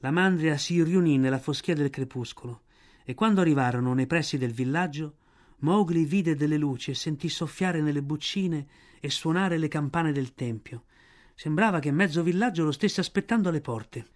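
A man narrating a radio audiobook in a measured, expressive way. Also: on the high side. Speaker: audiobook reader.

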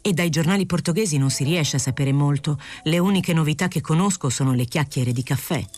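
A woman's voice: sits low, brisk, darkish tone, slight background noise, close to an everyday voice. A woman voicing a hesitant, confused male journalist. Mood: apologetic. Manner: apologetic, self-justifying.

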